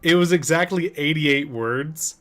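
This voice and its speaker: A man's voice: on the high side, unhurried, sharp tone. A young man who teaches, co-hosting a casual podcast chat, rambling with many fillers and stammered restarts.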